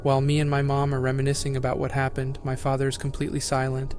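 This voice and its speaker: A man narrates horror stories in an almost completely level, droning delivery at a middling pitch. It is a scripted reading with no rise or fall in the telling. A steady hiss of background noise runs under the voice. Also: fast talker.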